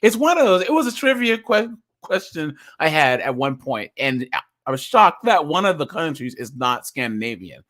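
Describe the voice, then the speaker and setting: A man's voice: on the high side, sing-song, moderate pace, a bit bright. A young man giving casual reaction commentary as a streamer, chatty, laughing often and restarting his words as he reads.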